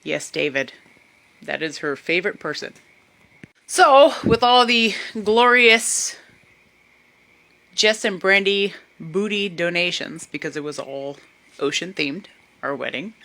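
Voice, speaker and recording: A young female vlogger tells her camera a funny travel story, full of energy and doing voices for the other people in it. Her voice is on the low side, and she speaks slowly with long pauses.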